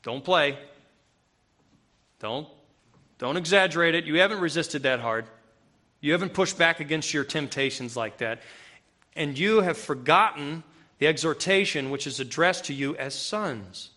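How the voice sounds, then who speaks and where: High, bright-voiced man preaching emphatically. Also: expressive, unhurried, long pauses. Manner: conversational preaching with emphatic, rising outbursts. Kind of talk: sermon. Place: room with a live audience.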